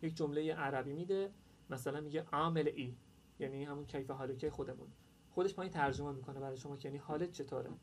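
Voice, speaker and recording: A man's voice: on the high side, a little mellow, slight background noise. A man presenting an online workshop, explaining an app in a casual, chatty way with many hesitations. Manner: informal, chatty, many "uh" fillers. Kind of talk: casual screen-share tutorial.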